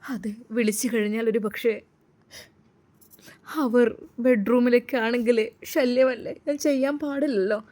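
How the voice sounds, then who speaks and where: A woman's voice: fairly high pitch, steady tone, measured pace, long pauses, a little mellow. A woman with a Malappuram Malayalam accent, narrating a sad family story in a dramatic, emotive way. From Kerala.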